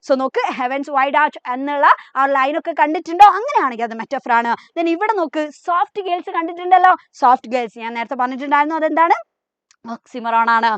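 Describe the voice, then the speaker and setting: A woman's voice: sits high, a bit bright, no echo, highs cut off. A woman teacher, giving an exam revision lesson, asking questions and answering them herself, mixing in English terms.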